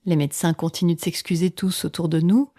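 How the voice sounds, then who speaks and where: Her pitch is fairly low, her intonation mostly even and her tone dark as a woman relates a close personal experience. She pauses dramatically, at times drops almost to a whisper, and imitates what others told her, with no room sound at all.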